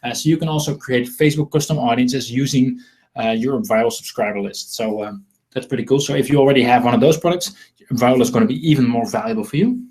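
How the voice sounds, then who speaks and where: Medium-pitched and dark in tone, a man with a Dutch accent talks at a quick pace while hosting an informal live sales webinar for marketing software. He is from the Netherlands, and his delivery is rambling, repetitive and self-deprecating.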